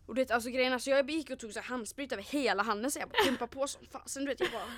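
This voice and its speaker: A woman's voice: sits high, dry recording. Young woman animatedly retelling a story. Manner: animated retelling with acted quotes and many fillers. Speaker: storyteller in a chat. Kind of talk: casual chat.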